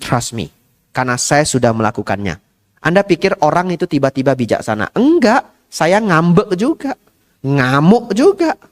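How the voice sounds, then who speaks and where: A man preaches as a Buddhist monk with a slightly high voice that swings widely up and down. He keeps asking his listeners questions and drops English phrases into his talk. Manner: lively, asks the audience rhetorical questions. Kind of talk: dharma talk.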